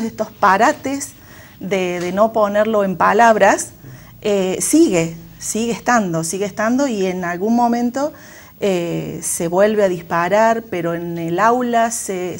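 Argentine woman, school director type; measured, reflective, restarts often. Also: medium pitch. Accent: Argentine Spanish. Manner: thoughtful, many fillers and restarts. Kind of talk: reflective interview answers.

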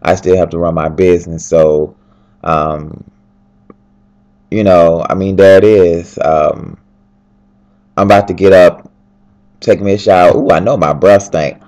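A man's voice: sits low, fairly even intonation, a little slow, long pauses, a little mellow, muffled recording. A tired man who has just woken up, chatting in a rambling, upbeat way as he records a casual video diary from his bed on a handheld flip camera. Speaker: fashion designer. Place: lying in bed at home.

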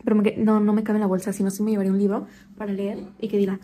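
A woman's voice: medium pitch, level tone, rapid-fire, mellow, a little hiss or hum. A young woman chatting casually to camera in her room as she gets ready, stressed and repeating herself. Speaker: vlogger. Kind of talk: casual vlog chat. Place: bedroom at home.

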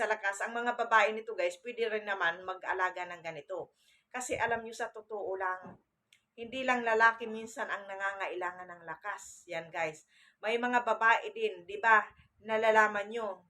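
A woman's voice: medium pitch, sharp tone. A woman vlogging alone to her camera at home, chatting loosely, calling her viewers "guys" again and again and restarting her sentences. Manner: chatty, says "guys" often, many restarts. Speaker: vlogger on amulets and folk spirituality. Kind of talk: casual talk to camera.

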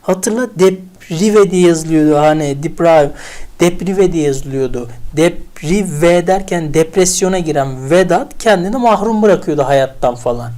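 A teacher giving an online English vocabulary lesson, chatty and animated, asking themselves questions aloud as they recall memory tricks. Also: mid-range voice, unhurried.

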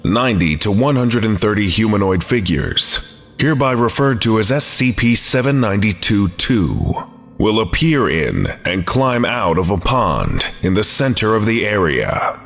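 A man reading an archive file as scripted narration, measured and documentary. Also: lowish voice, sing-song, fairly bright tone, big-room sound, faint music behind.

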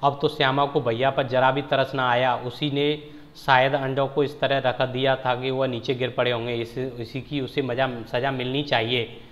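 A man's voice: medium pitch, little pitch movement, moderate pace, fairly bright tone. A male teacher reading a story aloud and then explaining it in simple words. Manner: reads the text, then explains it in plain words. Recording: echoey, dull lo-fi recording.

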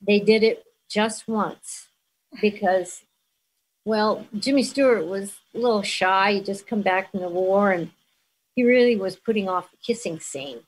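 A woman's voice: medium pitch, a little slow, husky, poor audio. An older woman reminisces as an interview guest. She tells her stories in a chatty way and laughs easily between lines. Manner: warm storyteller, laughs often. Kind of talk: reminiscing conversation.

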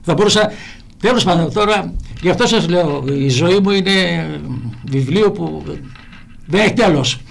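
A man's voice: high-pitched, gravelly, slight background noise. An older man, an actor, telling rambling stories on the radio with many restarts. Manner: rambling, frequent restarts and repeated "he tells me". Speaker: actor guest. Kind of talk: anecdotal storytelling on radio. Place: radio studio.

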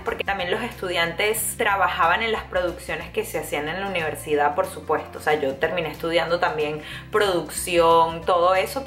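A young woman from Venezuela with a Venezuelan accent, telling a casual story to camera in a chatty, animated way with many fillers and restarts. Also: mid-range voice. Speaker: vlogger. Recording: echoey room, faint music behind.

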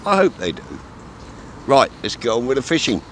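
Outdoors on a grassy bank by calm water, a fishing vlogger rambles to camera with fillers and restarts at a moderate pace. His medium-pitched voice swings widely in pitch. The background is noisy, and the camera mic is a few metres away while he frequently faces aside.

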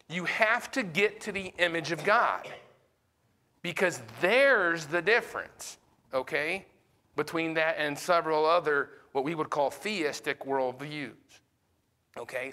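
Pastor, man, Sunday school teacher; conversational, peppers the room with questions; forceful tone. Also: a little high. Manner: questions the class often; conversational, with fillers.

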